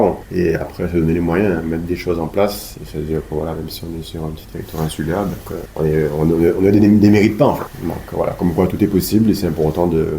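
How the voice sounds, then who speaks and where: A man's voice: sits low, mellow, a little hiss or hum. A man from Guadeloupe, a real estate agent, answering interview questions with lots of fillers and restarts. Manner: hesitant, many fillers and restarts.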